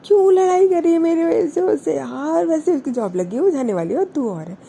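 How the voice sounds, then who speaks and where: A woman plays a caring young best friend who chides and soothes in turns. She lifts her voice higher than plain narration and keeps it coaxing. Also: animated, takes it slowly, creaky, warm tone, a little hiss or hum, exaggerated voice. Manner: coaxing, chiding. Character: caring young female friend trying to calm things.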